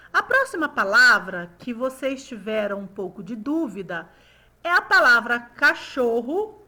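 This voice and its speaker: A woman's voice: fairly high pitch, bright, forceful tone. A woman teaching young children, patiently sounding out words syllable by syllable in a recorded lesson. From Brazil. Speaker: primary school teacher.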